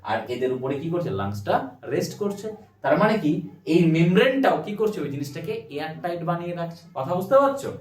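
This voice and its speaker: A man's voice: fairly high pitch, very animated, fast. A man teaching biology at a board, firing questions at the class and answering them himself. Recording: roomy echo, mic at a distance.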